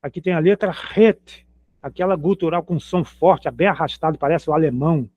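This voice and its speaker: A man's voice: fairly high pitch, normal speed, darkish tone, no echo. A man teaching a language lesson, patiently spelling out letters and repeating each word. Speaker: Hebrew teacher. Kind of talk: slow explanatory lesson. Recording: dry, tinny phone-like sound.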